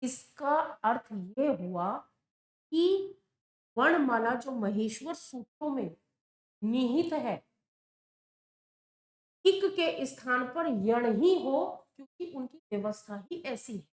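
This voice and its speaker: A woman teacher explains grammar at an unhurried pace, pausing to ask questions and then answer them herself. Her voice sits high. It rings in an echoey classroom. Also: animated. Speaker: Sanskrit teacher. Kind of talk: exam-prep lesson at a board.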